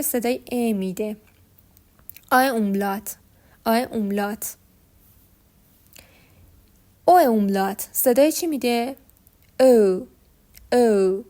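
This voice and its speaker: A woman teaching a beginner language lesson, explaining step by step and slowly repeating sounds for the learner. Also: fairly high pitch, a little mellow.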